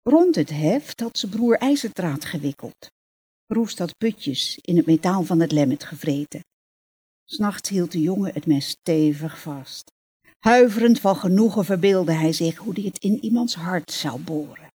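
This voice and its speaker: A woman reading a passage from a novel aloud, measured and expressive. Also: on the low side, breathy edge. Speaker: reader.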